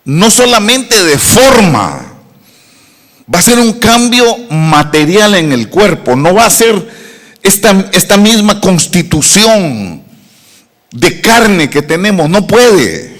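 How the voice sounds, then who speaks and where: A man's voice: high-pitched, big pitch swings, slow pace, fairly bright tone. A middle-aged man from Rica, preaching a sermon with emphatic repeated rhetorical questions. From Costa Rica. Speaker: pastor. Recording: echoey hall reverb.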